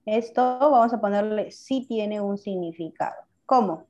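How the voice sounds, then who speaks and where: A woman teacher with a mellow, warm voice leads a language class. She quizzes her students and praises them when they answer. The recording is dull and lo-fi. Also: mid-range voice, moderate pace. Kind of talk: online class lesson.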